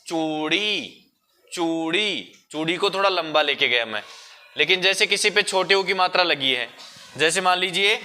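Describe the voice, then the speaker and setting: A man teaching a primary school class, patiently coaxing the children and drawing words out slowly to show the sounds. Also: high-pitched, sharp tone. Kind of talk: classroom lesson.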